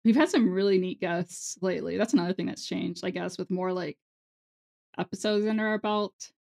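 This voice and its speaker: A woman co-hosting a podcast in casual conversation, with a creaky vocal fry and an informal, self-interrupting way of talking. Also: fairly low pitch, moderate pace, a little mellow. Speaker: podcast co-host.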